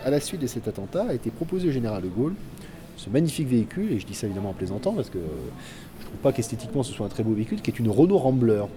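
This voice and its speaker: A man's voice: medium pitch, sing-song, rapid-fire, mellow, soft background music. A man giving an informal, explanatory account of history as a narrator.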